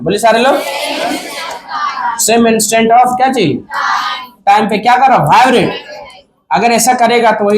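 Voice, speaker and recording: A very high-pitched male teacher runs a physics lecture, throwing questions at his students before answering them himself and joking along the way. Background noise comes from the echoey classroom and its crowd of students.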